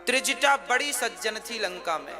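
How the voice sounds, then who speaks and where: A man's voice: extremely high pitch, lively intonation, moderate pace. A male preacher telling a devotional story in a dramatic, emotive way, breaking into sung verse. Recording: instrumental music behind.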